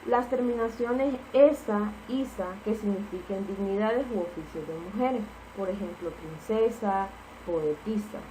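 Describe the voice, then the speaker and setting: A woman's voice: mid-range voice, unhurried, noisy background. A woman teacher giving a spelling lesson, explaining each rule patiently and repeating the key points.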